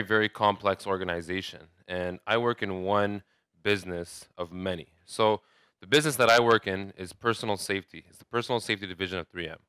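A man's voice: fairly low pitch, pushed and bright, smooth, no room sound, clean studio sound. A man in his thirties from Saudi Arabia, giving a conversational conference talk with frequent restarts and fillers. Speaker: conference speaker. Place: large hotel ballroom, indoors.

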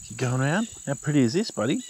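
Filming an outdoor vlog on a bush trail with his young child, a father from rural Australia chats casually in an Australian accent. His medium-pitched, darkish voice moves fast with big pitch swings. Insects and faint outdoor noise sit in the background.

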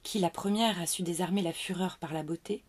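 A woman voicing a benevolent female spirit of life, calm and solemn, in a storybook reading. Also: fairly low pitch, brisk, slightly rough.

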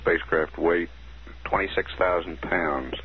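A man with a very low voice delivers crisp, measured mission status reports, reading out one figure after another. His voice comes through a muffled radio transmission, dull and lo-fi like an old archive broadcast. A faint hiss runs underneath. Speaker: mission control commentator. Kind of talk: formal status announcements.

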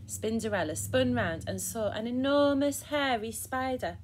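Lady doing story time for kids, gentle and expressive, reading a picture book. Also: a little high, measured pace, a little hiss or hum. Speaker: storyteller for children. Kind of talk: children's picture book read-aloud.

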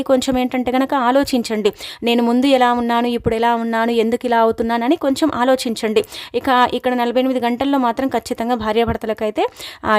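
A woman reads out horoscope advice at a rapid clip, stacking filler words as she goes. Her voice sits a little high. The sound is dry and close, with no room around it. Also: no echo. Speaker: astrology presenter.

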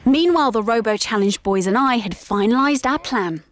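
A young woman co-presenting a TV gadget show and narrating it in a bubbly, excited way. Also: on the high side, normal speed. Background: backing music.

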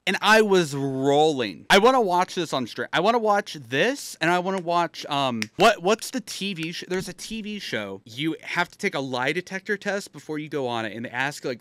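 A young man giving casual, animated livestream commentary as a streamer, blurting short reactions and repeating himself on a close desk mic. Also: fairly high pitch, normal speed, no room sound. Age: young adult. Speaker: streamer reacting to meme videos. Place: small room at home, indoors. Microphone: close desk microphone.

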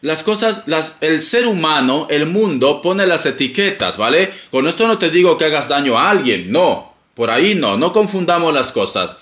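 A tarot reader with a fairly high, expressive, slightly bright voice delivers a casual reading monologue at a moderate pace with hardly any pauses. Playful, theatrical and teasing, he calls the listener darling. The room is echoey.

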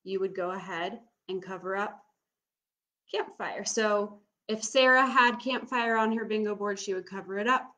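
A young adult woman acts as a bingo caller and camp game host for an online audience, casually explaining, announcing each item, and repeating it in an instructional manner. Her voice is medium-pitched and sharp in tone, at a normal speed, and she records from a small room at home.

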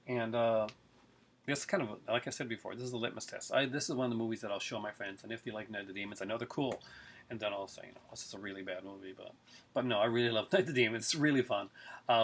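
A middle-aged film collector rambles casually and eagerly about his collection in a video review, filling his talk with plenty of fillers. His voice is fairly low and a bit bright, captured up close by a webcam in his living room.

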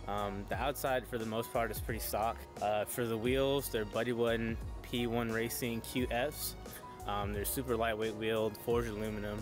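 A young man vlogging outdoors, talking casually through his car's parts with lots of fillers and the odd swear word. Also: medium pitch. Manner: laid-back, many fillers, casual swearing. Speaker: car vlogger. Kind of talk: casual walkaround car review. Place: outdoors behind a shopping store.

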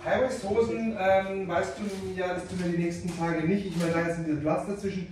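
A man's voice: high voice, steady tone, a little fast, a little mellow, recorded from a distance, a little hiss or hum. A man in his forties from Germany, a piercer chatting casually and teasingly with a client. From Germany (Munich). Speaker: piercer, host of studio video channel. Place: small piercing studio, indoors. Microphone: camera a few metres away. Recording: very echoey small room, off-mic, music behind.

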